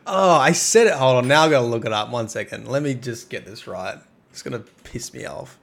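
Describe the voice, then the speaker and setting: A man's voice: mid-range voice, a little fast, vocal fry, slight background noise. A man streaming live who reads game lore aloud casually, chatting with his audience and tripping over hard words.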